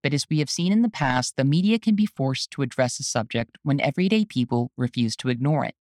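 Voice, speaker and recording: Host for a spoken essay: an earnest, urgent activist voice, mid pitch, dry close sound. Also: lively intonation, fast, darkish tone, no room sound. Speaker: activist and journalist hosting the show.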